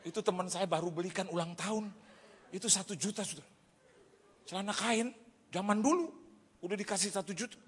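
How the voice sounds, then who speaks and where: A man preaching, a pastor telling a funny testimony in an Indonesian accent, acting out shouted dialogue and laughing as he goes. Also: high voice, brisk, long pauses. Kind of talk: humorous sermon testimony. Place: large church hall. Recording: hall reverb from a church.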